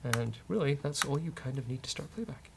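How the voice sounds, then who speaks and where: Faint background noise sits under a man hosting a casual coding session, where he works while hesitantly muttering his thoughts aloud. A developer and show host, he talks fairly quickly in a creaky, mid-range voice.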